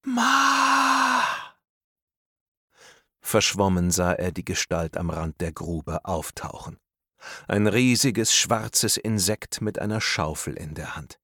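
A man reading a thriller audiobook aloud in a tense, measured storytelling manner. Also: sits low, a bit bright, dry recording, studio quality. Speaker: audiobook narrator. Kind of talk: scripted narration of a thriller.

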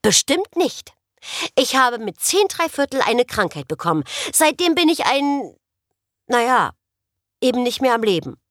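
A prim ghost boy of about ten, curt and quick to take offence, his voice pitched high for a child, as a woman plays him. He speaks clipped and huffy, recorded dry and close. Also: big pitch swings, fairly bright tone, no echo. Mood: indignant. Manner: curt, indignant. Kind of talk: audiobook character voice.

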